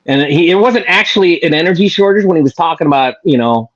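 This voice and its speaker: A man from Washington State riffs loosely in a group chat, his voice slightly high and very lively. He rambles and jokes with restarts. The sound is dull and muffled. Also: quick pace, no echo. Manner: joking, animated, rambling.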